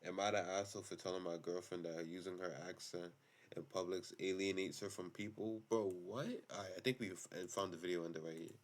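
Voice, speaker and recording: A man's voice: low-pitched, steady tone, quick pace. A man giving casual reaction commentary on online stories, blunt, slangy and profane.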